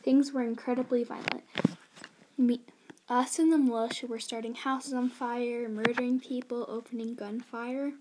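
A woman's voice: a little high, flat delivery, moderate pace, background noise, natural voice. A woman voicing a young male immigrant miner, in an earnest first-person school history narration read plainly aloud.

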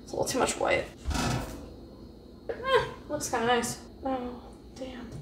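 A woman's voice: high-pitched, sing-song, measured pace, noisy background. A young woman chatting casually as she paints at home, jokey and a little self-deprecating. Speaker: art vlogger. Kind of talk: casual chat while painting. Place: home kitchen with a running dishwasher. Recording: echoey room, mic a bit far off.

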